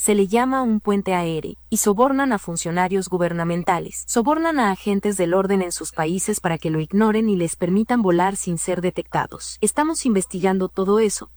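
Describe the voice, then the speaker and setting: A woman official gives a formal press conference answer, measured and explanatory. Her voice sits at a middle pitch, and the sound is dry. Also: expressive, a little mellow, no echo.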